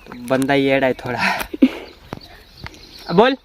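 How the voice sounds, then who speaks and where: Speaking slowly with big swings in pitch from a mid-range voice, a man vlogs casually outdoors while trying out a homemade cup phone. He shouts directions to a helper far off across a rural open field, where faint background noise can be heard.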